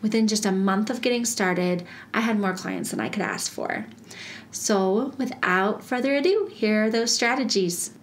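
A woman's voice: mid-range voice, moderate pace. Chatty woman podcaster, bubbly and laughing a lot, faint hiss behind her. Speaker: podcast host. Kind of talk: casual solo podcast.

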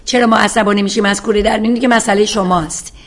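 A woman's voice: medium pitch, fairly even intonation. A woman psychologist giving firm, emphatic advice to callers on a call-in show. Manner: firm, emphatic, repeats for stress.

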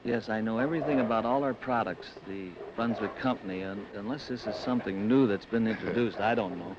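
A man with a lowish voice offers color commentary on a bowling match. He talks haltingly, trailing into fillers and restarts. The sound is muffled and hissy, like old broadcast audio.

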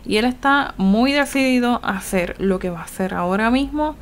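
A woman gaming YouTuber with a Puerto Rican Spanish accent gives chatty, casual gameplay commentary at a moderate pace in a fairly high voice. She laughs often and voices her game characters.

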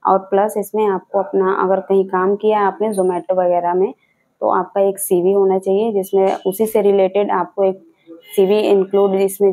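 Mellow-voiced young woman explaining a job opening. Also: medium pitch, low-quality recording. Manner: explanatory, repeats key details. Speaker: job vacancy channel host. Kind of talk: informational video talk to camera. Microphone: clip-on mic seen on scarf.

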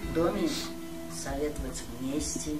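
Older woman, low voice. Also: measured pace, roomy sound, distant mic, loud music behind the voice. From Armenia. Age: 70s. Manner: cheerful, simple phrasing with small grammar slips. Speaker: interviewee. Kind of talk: casual interview talk. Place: living room in a home.

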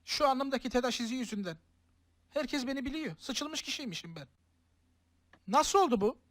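A man's voice: very high voice, animated, normal speed, a bit bright, dry recording. A man voicing an aggrieved, whining teenage wizard boy who complains and swears in a comic parody film dub. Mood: aggrieved, baffled. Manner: complaining, foul-mouthed.

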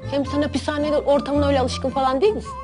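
A woman's voice: high voice, flat delivery, rapid-fire. A woman acting in a comic sketch, teasing in a dry, matter-of-fact way. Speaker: comedy sketch actor. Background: background music.

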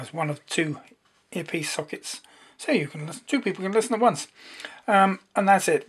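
A man gives an unscripted, hands-on demonstration of a homemade radio, explaining as he goes with some hesitancy. His voice sits on the high side with a breathy edge.

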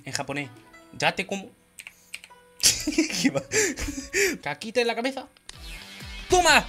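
A woman with a Spain Spanish accent giving excited gameplay commentary, often shouting and laughing. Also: medium pitch. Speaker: gaming youtuber.

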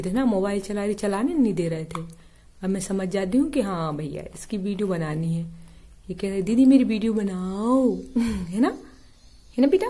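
A woman's voice: mid-range voice, warm tone. A woman talking casual baby talk to her pet parrot, coaxing and sing-song, laughing often, filmed on a phone at home. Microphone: phone camera.

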